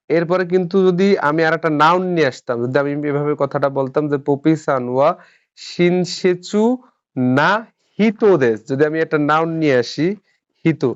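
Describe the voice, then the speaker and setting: A man's voice: on the high side, dry recording, dull audio. A man teaching a live online grammar lesson, patient, repeating terms and quizzing his students. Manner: patient, repeats terms and asks the class questions. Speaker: Japanese language teacher.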